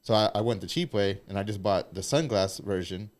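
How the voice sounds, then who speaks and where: A man's voice: fairly low pitch, brisk. A man hosting a podcast in a studio, talking casually in a rambling way full of "like". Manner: rambling, peppered with "like". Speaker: podcast host. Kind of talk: casual chat.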